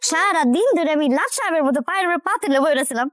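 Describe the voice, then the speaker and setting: A chatty young village wife. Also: female voice, very high voice, racing, a little hiss or hum. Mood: coaxing. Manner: chatty, lively and scheming.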